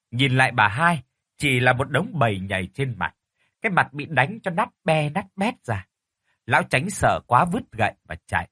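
Male horror storyteller, husky voice, lively pitch, dry close sound, faint music behind. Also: dry recording.

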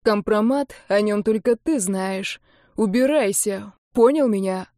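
A woman reading the part of a wounded young man who speaks in an urgent, hoarse, broken half-whisper. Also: mid-range voice, a little slow, dark tone, no echo, clean studio sound, natural voice. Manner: urgent, commanding, gasping. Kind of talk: audiobook character reading.

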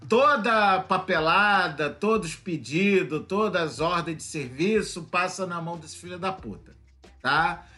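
A man with a Brazilian Portuguese accent co-hosting a podcast, animated and jokey, swearing freely as he talks. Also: sits high, measured pace, faint music behind. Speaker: podcast co-host. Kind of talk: casual chat.

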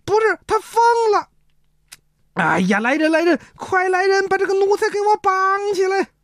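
A woman voicing a shrewd male chancellor who puts on loud, theatrical alarm. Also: medium pitch, very animated, normal speed.

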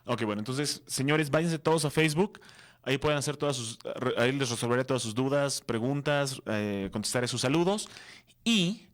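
A man with a neutral Mexican accent hosts a live comics stream. He talks in a loose, chatty way and reads viewers' comments aloud before he answers them. His voice sits at an ordinary middle pitch. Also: moderate pace. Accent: neutral Mexican Spanish. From southeastern Mexico. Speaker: host of a comics show. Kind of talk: live-stream casual chat.

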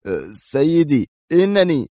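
A man doing a spiteful, edgy general in an audiobook, his voice pushed up higher and tighter than the narration. He sounds resentful and nervous, in a dry recording. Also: sing-song, unhurried, mellow, no echo. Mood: irritable, resentful. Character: irritable, spiteful male general.

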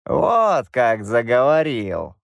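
A man voicing a grim, mocking middle-aged Roma man who talks calmly and with menace. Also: medium pitch, slow pace, gravelly, no room sound, studio quality, full character voice. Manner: mocking, calm, drawn out.

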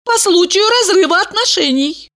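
A woman voicing a stubborn young woman in love, speaking high and defiant. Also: lively intonation, moderate pace, a bit bright, exaggerated voice. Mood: indignant, stubborn. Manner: high-pitched, indignant, stubborn.

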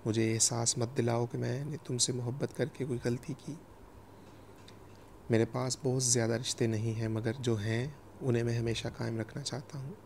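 A man's voice: medium pitch, little pitch movement, creaky, a little mellow, a little hiss or hum, close to an everyday voice. A man reading an earnest, pleading young husband.

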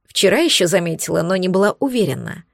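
Motherly demoness, a woman reading her, sly, teasing, calm, dry close sound. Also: on the low side, fast, vocal fry, no room sound. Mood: reassuring.

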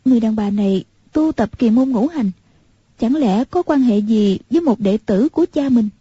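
A woman narrating a martial-arts novel in a steady, measured way. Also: on the high side, husky, no room sound. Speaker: audiobook narrator. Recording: muffled lo-fi recording.

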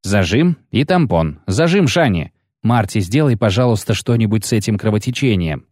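A man's voice: fairly low pitch, lively intonation, normal speed, a little mellow, no echo, studio quality. A man voicing a harried male field surgeon snapping urgent orders.

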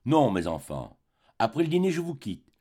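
A man's voice: medium pitch, huge pitch swings, normal speed, warm tone. A man reading as a charming aging baron. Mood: breezy.

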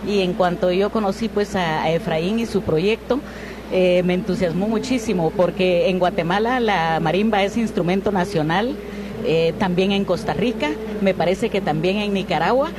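A woman's voice: lowish voice, normal speed. A woman, a book editor and interview guest, explaining things in an enthusiastic, flowing way. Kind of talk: interview answers. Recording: noisy outdoor traffic background.

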